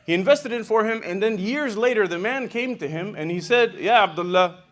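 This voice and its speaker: A man delivers a sermon in a high-pitched voice, talking to the congregation as if chatting with friends. He retells an old story in an animated way, dropping in "you know" and "right?" as he explains the lesson. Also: fairly quick. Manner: animated storyteller, swings in loudness. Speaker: imam.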